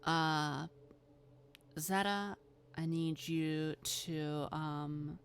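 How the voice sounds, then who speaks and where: A woman narrating as game master of a tabletop role-playing game, slow and hesitant with many fillers. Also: low voice, fairly even intonation, clear, resonant tone.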